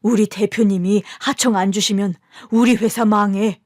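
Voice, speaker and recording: Flustered businessman husband, read by a woman, curt urgent lines, mid pitch. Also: steady tone, moderate pace, darkish tone, no room sound, clean studio sound, lightly acted. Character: middle-aged businessman husband, nervous, bossy to wife.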